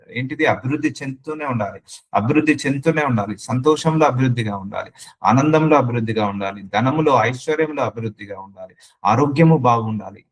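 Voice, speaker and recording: A man preaching a sermon as a pastor, repeating phrases with emphasis and mixing in English words, to a gathering of about thirty people. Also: mid-range voice.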